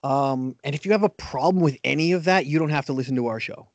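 A man's voice: mid-range voice, quick pace, no room sound, muffled recording. Hesitant man co-hosting a podcast, dry sound. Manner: hesitant, many ums and restarts. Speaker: podcast co-host. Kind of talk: casual podcast chat.

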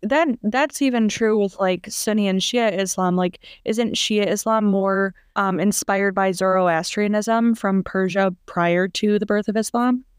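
A woman from Minneapolis hosts a conversation, asking curious follow-up questions. Her voice is smooth and clear at a middle pitch, recorded dry and close. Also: a little slow, hardly any pauses, no room sound. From Minneapolis, USA. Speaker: podcast host. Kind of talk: interview questions.

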